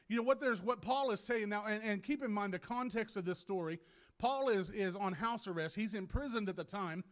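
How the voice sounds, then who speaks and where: A man preaching a sermon, often restarting his words, sometimes choked up and clearing his throat, and rising to loud, shouted passages. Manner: builds from low, halting talk to loud, shouted preaching with many restarts.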